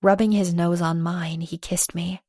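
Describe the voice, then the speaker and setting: A woman narrating a first-person romance audiobook, playful and lively with acted dialogue. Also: on the low side, unhurried, no room sound, studio quality.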